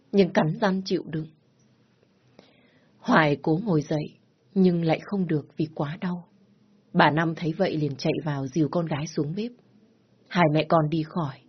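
A woman tells a story in a grave, steady voice. Her tone sits low and husky. The recording sounds dull and lo-fi. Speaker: narrator. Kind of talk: storybook narration.

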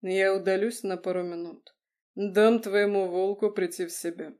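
A woman voicing a calm, dry-witted male vampire doctor who speaks in an even, measured tone. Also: medium pitch, close to an everyday voice.

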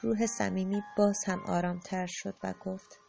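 A woman narrating a storybook audiobook in a calm, measured, gentle way. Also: medium pitch, creaky, faint music behind.

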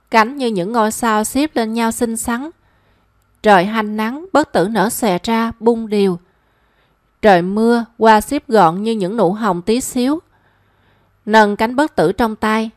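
Calm woman reading a story. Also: on the high side, no room sound, clean studio sound. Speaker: narrator. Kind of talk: storybook narration.

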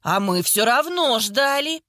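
A woman voicing a sharp-tongued older woman in a hospital bed, hoarse and sarcastic, teasing without mercy. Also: on the high side, animated, unhurried, no echo, studio quality. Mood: sugary, sly.

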